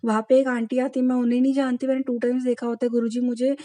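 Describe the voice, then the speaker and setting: A woman's voice: a little high, level tone, very fast, mellow. A young woman earnestly telling her devotional testimony to the congregation, addressing the listeners again and again as she goes.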